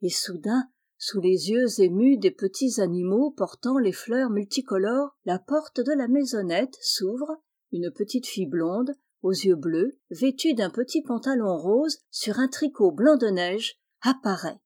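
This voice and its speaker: A woman reading a children's story aloud, gentle and lilting, lifting her voice for the animal characters. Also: medium pitch, expressive, a little slow. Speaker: audiobook reader.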